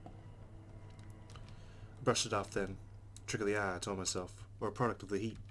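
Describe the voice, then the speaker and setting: A let's play host reads visual novel narration aloud in a fairly low voice at normal speed, tossing in casual reactions of his own. Steady, loud background noise runs throughout the recording.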